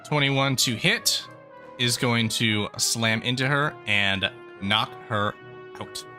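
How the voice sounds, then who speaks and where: A man's voice: mid-range voice, slow pace, bright, forceful tone, soft background music. A man narrating as game master of a tabletop game in an easygoing, descriptive way.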